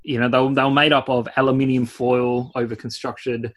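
A man talks through a film with his co-host in an easygoing way. His voice is a little husky, and he laughs often and swears lightly. The talk is loose and chatty. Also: medium pitch, level tone, fairly quick. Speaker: podcast co-host. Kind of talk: casual film review chat.

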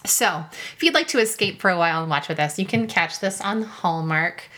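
A woman's voice: on the low side, lively intonation, fairly quick, pushed and bright. A woman co-hosting a casual chat, chatty and giggly as she talks. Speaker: podcast co-host.

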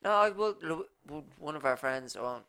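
A young man in casual podcast banter, throwing in jokey asides. His voice sits a little high, with a gravelly edge to it. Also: lively intonation, moderate pace, sharp tone. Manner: joking, chipping in with asides and bad impressions. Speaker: podcast co-host. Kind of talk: casual chat.

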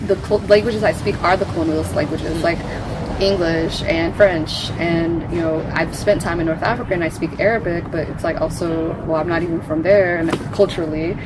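A woman's voice: on the low side, fairly even intonation, very noisy. A woman from the United States in a casual, reflective conversation, thinking aloud with frequent restarts. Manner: thoughtful, halting with many restarts.

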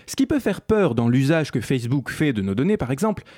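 A man's voice: mid-range voice, sing-song, a little fast, dark tone, no echo, clean studio sound. A man hosting a sarcastic commentary video essay, speaking ironically and addressing the listener directly. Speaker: host.

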